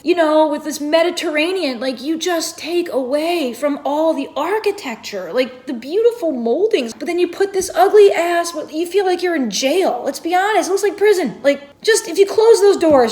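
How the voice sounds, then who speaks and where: A young woman with a high-pitched voice delivers a satirical rant about a listing, chatty and sarcastic. She sounds exasperated and keeps dropping "like" into her sentences. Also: expressive, normal speed, hardly any pauses. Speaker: home review ranter. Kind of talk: satirical ranting commentary.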